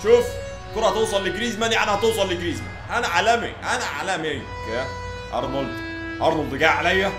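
A young man with an Egyptian accent, commentating his own football video game match and shouting and pleading at the play. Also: sits high, rapid-fire. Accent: Egyptian Arabic. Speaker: gaming YouTuber. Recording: echoey room with game music.

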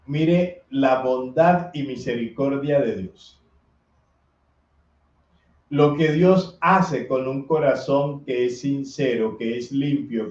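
Slow, heartfelt preaching comes from a male priest reading the gospel and offering a homily. He dramatizes the people in the story with loud, high-pitched shouts, and the audio sounds reverberant and somewhat flat.

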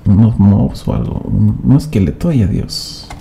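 Gravelly deep-toned man streaming a game. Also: big pitch swings, moderate pace, warm tone, a little hiss or hum. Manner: chatty, addresses chat directly, teasing banter. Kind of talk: live gameplay commentary.

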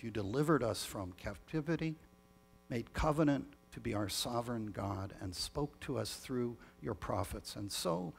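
Husky male pastor in cathedral echo. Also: mid-range voice. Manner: measured, solemn liturgical reading with small restarts. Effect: long cathedral-like echo. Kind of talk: leading a communion liturgy. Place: church sanctuary. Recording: long reverb of a large church.

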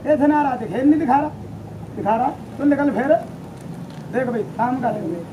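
A man from India working as a street monkey showman, bantering loudly with a crowd and teasing and scolding as he jokes. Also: very high-pitched, moderate pace, muffled recording. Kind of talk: street performance patter to a crowd. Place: outdoor street show. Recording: noisy outdoor street recording with traffic. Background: crowd ambience and passing vehicles.

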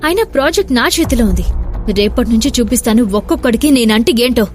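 A woman's voice: fairly high pitch, expressive, quick pace, faint music behind, lightly acted. A woman doing a furious gangster boss. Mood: seething. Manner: shouting, menacing. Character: angry scheming male gangster boss.

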